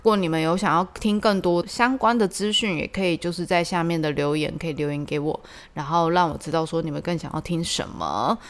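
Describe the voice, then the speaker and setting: A woman hosting a casual solo podcast, telling stories in a chatty, animated way with lots of fillers. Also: sits low, a little fast, few pauses. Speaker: podcast host.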